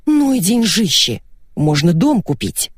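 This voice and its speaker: Woman voicing a squeaky nosy young woman, excited, greedy, audiobook, dry sound. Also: unhurried, slightly rough, dry recording, heavily acted.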